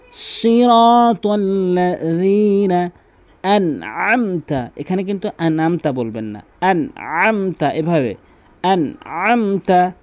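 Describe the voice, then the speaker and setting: A woman leads a recitation lesson at a very slow, deliberate pace, stretching each chanted word for the listener to repeat. Her voice is soft and mellow and sits a little low, with a dry, close sound. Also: no room sound. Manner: drawn-out chanted recitation between quick spoken explanations. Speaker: Quran recitation teacher.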